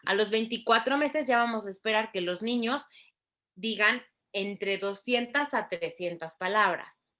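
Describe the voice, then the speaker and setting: A woman speech therapist, explaining clearly and didactically in an interview, spelling out sounds slowly. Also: mid-range voice, bright, forceful tone.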